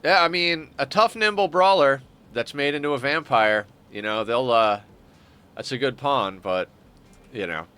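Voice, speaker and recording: With an unhurried, smooth delivery and a sharp tone, this young man speaks in a mid-range voice through a blocked nose. He offers casual, rambling gameplay commentary while streaming, often correcting himself and keeping a wry edge.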